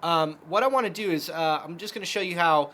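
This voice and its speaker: A man's voice: fairly high pitch, brisk, bright, forceful tone, a little hiss or hum. A man teaching a casual guitar lesson, explaining chords step by step with lots of fillers.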